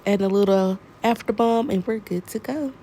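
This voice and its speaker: A woman with a Southern American accent, congested from allergies, talking viewers through her waxing work in a relaxed, folksy voice-over. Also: medium pitch, moderate pace, slight background noise. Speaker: esthetician. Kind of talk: tutorial voice-over.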